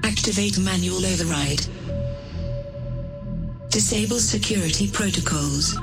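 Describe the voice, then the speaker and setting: A woman voicing a malfunctioning spaceship computer, giving slow, clipped system announcements in a glitching robotic voice. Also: medium pitch, gravelly. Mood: robotic alarm. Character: malfunctioning female spaceship computer, cold and flat. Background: loud music.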